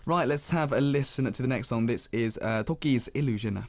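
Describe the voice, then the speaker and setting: Chatty radio DJ. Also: male voice, mid-range voice, moderate pace. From United Kingdom. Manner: upbeat, chatty, reads out listener messages. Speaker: radio DJ and host. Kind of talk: casual radio chat.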